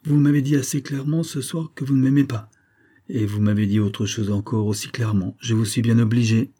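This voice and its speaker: A man's voice: medium pitch, steady tone, a little fast, warm tone, close to an everyday voice. A man voicing a proud, cold young woman in an audiobook, speaking haughtily and impatiently. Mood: scornful.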